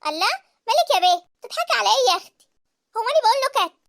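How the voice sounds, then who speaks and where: Nagging Egyptian cartoon mother, a woman doing the voice, sharp and hurried. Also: very high voice, very animated, vocal fry, heavily acted. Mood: scolding. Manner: scolding, quick and sharp. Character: middle-aged village mother, nagging and bossy. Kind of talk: cartoon voice acting.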